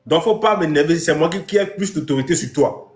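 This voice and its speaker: A man's voice: a little high, fairly quick. A man hosting a comic live stream as a strict father, lecturing with emphatic repetition. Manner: lecturing, emphatic, repeats phrases. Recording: roomy echo.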